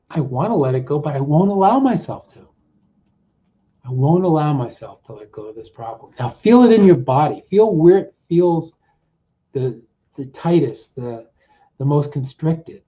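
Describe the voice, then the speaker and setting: A male coach with a fairly high, expressive voice guides a self-help exercise, speaking in short, deliberate, repeated phrases separated by pauses. The audio is dull, muffled and lo-fi.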